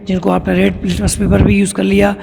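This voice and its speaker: Gravelly high-voiced man teaching class. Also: completely flat delivery. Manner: explains step by step, reads English lines slowly, then restates them. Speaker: school science teacher. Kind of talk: classroom lesson explanation. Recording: echoey room with clear noise.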